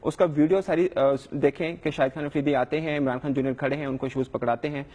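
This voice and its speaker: A man's voice: a little high, fairly even intonation, a little mellow, long reverb tail. A young adult man, a sports reporter, answering questions in a live news interview in an earnest, defensive way with frequent hesitations.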